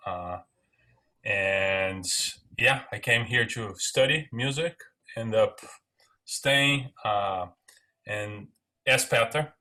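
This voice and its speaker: Man from Brazil, bright tone, halting, lots of fillers, video call. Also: lowish voice. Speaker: guitarist, music faculty. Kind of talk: casual self-introduction.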